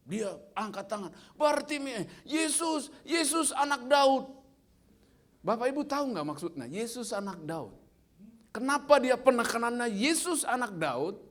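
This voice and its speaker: A man in his fifties giving a lively sermon as guest speaker, quizzing the audience with playful questions. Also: high-pitched.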